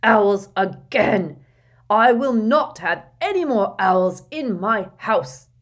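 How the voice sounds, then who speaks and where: A woman voicing a blustering, bad-tempered middle-aged uncle who talks loud and gruff. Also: mid-range voice, very animated, measured pace. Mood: menacing.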